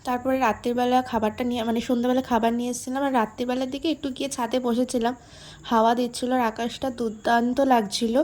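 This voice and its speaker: A young woman, narrating her daily vlog in a soft, quiet, slow voice-over. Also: on the high side, flat delivery. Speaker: vlogger.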